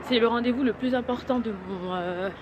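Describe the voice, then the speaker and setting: A woman's voice: a little high, a little fast, lo-fi sound, background noise. A young adult woman chatting casually for a vlog, informal and often restarting her sentences. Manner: informal, filler-heavy, self-interrupting. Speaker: lifestyle vlogger.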